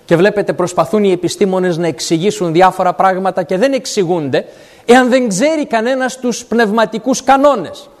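A man's voice: high voice, in a large hall. A man preaching a sermon, quoting scripture and explaining it verse by verse. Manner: expository, quotes scripture and explains it. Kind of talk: sermon with Bible exposition.

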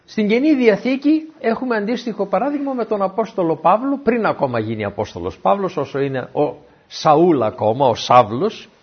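Animated husky-voiced man preaching. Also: sits high. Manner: lively storyteller who asks the listeners questions. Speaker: preacher teaching from the Bible. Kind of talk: Bible teaching talk. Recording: dull, muffled lo-fi recording.

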